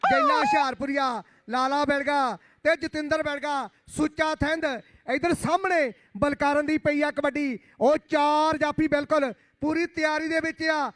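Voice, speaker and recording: A man giving live kabaddi commentary in exclamatory, rhyming chants with drawn-out phrases. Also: very high-pitched, fairly bright tone, no echo.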